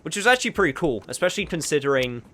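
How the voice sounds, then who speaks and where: Very fast and fairly bright, this man's fairly high voice swings widely in pitch, with slight background noise. A gaming streamer whose first language isn't Japanese, he mutters his moves, swears occasionally, and chats with his audience in casual gameplay commentary.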